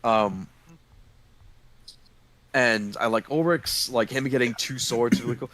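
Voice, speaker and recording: A man's voice: mid-range voice, slow, a bit bright. A man chatting casually with friends on a call, hesitant and trailing off at times. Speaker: podcast panelist. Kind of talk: casual group chat over a call.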